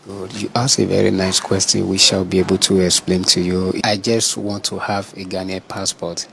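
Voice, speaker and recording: Low, flat-voiced man giving evasive answers. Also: moderate pace, gravelly, a little hiss or hum. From Nigeria. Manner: hesitant, evasive, stammering answers. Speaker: interviewed suspect.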